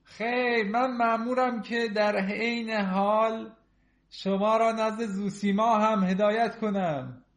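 A man voicing a formal, drawn-out monk. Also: high voice, steady tone, pitched above the performer's own voice. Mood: insistent. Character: unctuous short pale male monk-priest. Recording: roomy echo.

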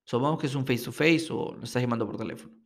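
Speaking rapid-fire in a mid-range voice, this man coaches listeners on selling in his solo podcast. His delivery is emphatic and lively, peppered with frequent "ok?" check-ins.

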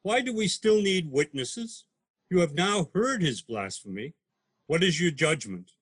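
A man reading the part of a stern high priest in a dramatized scripture reading, solemn and measured. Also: sing-song, slightly rough, dry recording, exaggerated voice. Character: stern male high priest accusing a prisoner.

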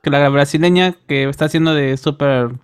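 A man's voice: on the high side, fairly even intonation, brisk, smooth, no room sound. A man in casual chat, hesitant, often searching for names. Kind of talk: casual chat among friends.

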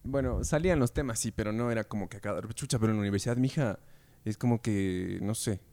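A man's voice: on the low side, fairly even intonation, fast talker, gravelly, darkish tone, no room sound. A young man, co-hosting a casual chat. He talks in a teasing, blunt way and prods with questions. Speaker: podcast co-host. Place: motel room.

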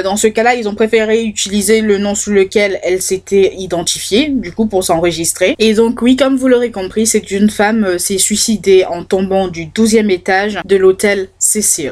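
Hesitant woman telling true-crime stories. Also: medium pitch. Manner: hesitant, many fillers and restarts. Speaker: podcast host. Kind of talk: casual true-crime podcast narration.

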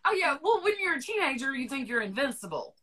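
A woman's voice: sits high, sing-song, quick pace, bright, forceful tone, low-quality recording. A Southern woman from North Carolina hosting a podcast, asking questions in a chatty, rambling way. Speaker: podcast host. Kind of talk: casual interview chat.

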